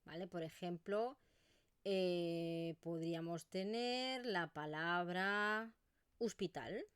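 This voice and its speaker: A woman's voice: lowish voice, slow pace, a bit bright, clean tone, no room sound. A woman with an Eastern Catalan accent teaching pronunciation in an online video lesson, modelling vowel sounds as she explains.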